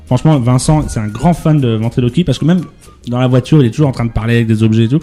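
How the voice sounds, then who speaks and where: A man's voice: medium pitch, racing, dark tone, faint music behind. A male radio host leading a casual, jokey chat, often laughing and rambling.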